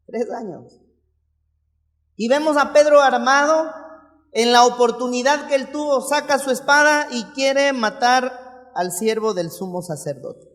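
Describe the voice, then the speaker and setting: A man's voice: extremely high pitch, a little slow, a bit bright. Man, preacher, sermon, vivid storytelling, playful asides, church hall reverb. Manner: storytelling with rhetorical questions and playful acted asides.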